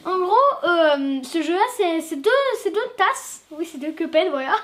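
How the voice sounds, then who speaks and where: A woman's voice: very high voice, moderate pace. A woman gaming YouTuber giving casual let's-play commentary, chatty and loose, with plenty of fillers and restarts.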